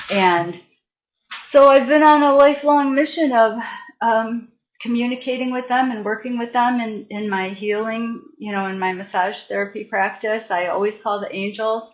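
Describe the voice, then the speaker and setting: A woman healer and massage therapist speaks in a chatty, halting way, full of fillers and restarts. She sits at a middle pitch, telling stories and guiding a meditation. The sound is dull and lo-fi. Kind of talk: casual live-stream storytelling and guided meditation.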